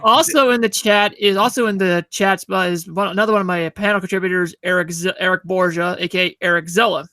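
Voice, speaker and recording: A man on a casual video-call panel, quickly explaining and introducing people. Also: high-pitched, steady tone, pushed and bright, dry recording. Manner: rapid, explaining.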